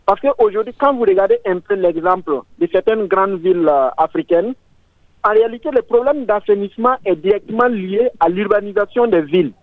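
A caller's voice comes through a thin, tinny phone line, dry with no room around it. He's a man with a fairly high voice, speaking earnestly and stumbling over repeated words as he hunts for the right term. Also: expressive, fairly quick, no echo. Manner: earnest, repeats words while searching for them. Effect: voice heard over a phone line on air. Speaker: caller to a radio show. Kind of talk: call-in comment on a public issue.

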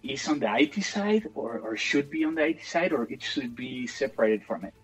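A man's voice: medium pitch, big pitch swings, fairly quick, husky, low-quality recording. A man whose first language is Spanish, hosting an interview and asking questions in English hesitantly, with a Spanish accent. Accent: Spanish-speaking. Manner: hesitant, many fillers and restarts. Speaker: podcast host, interviewer.

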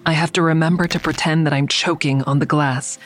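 Deep-voiced and a little fast, with fairly even intonation close to an everyday voice, a woman performs a guarded, defiant character in an audio drama. She narrates and speaks lines tersely, dryly and confidingly in a tense mood, over faint background music.

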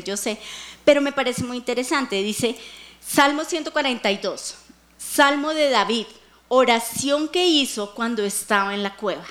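A woman's voice: sits high, fairly bright tone. A woman preaching a sermon, telling a scripture story dramatically with humorous asides.

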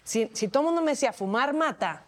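A Mexican woman in her thirties with a slightly high voice tells her stories with animation. She acts out what people said as she goes, in a casual group chat. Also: quick pace. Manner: animated storytelling, acts out quotes. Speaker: co-host.

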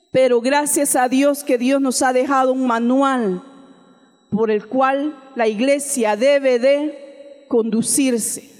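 A high-pitched, slightly mellow female voice preaches in church with big-room acoustics. Speaking with a Central American Spanish accent, she keeps calling listeners sister and saying amen.

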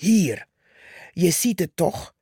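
A woman's voice: lowish voice, lively intonation, takes it slowly, mellow, slightly rough, dry recording, studio quality, heavily acted. A woman voicing a haughty, boastful male tree who talks down to others, in a storybook reading. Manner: condescending, scornful.

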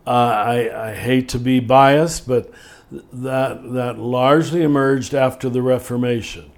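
With a steady tone at medium pitch, an older man talks as a spiritual teacher on a podcast. He's measured and thoughtful, deliberately slowing to stress key words.

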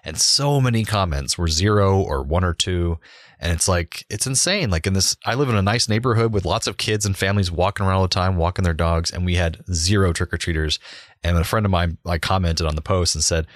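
A man with a low, gravelly voice, chatting casually as a podcast co-host. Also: brisk, no echo, studio quality. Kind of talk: casual chat.

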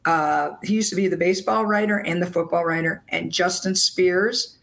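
A woman sports reporter, hoarse with laryngitis, talking casually and earnestly on a podcast in a halting way. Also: on the low side, steady tone, fairly bright tone.

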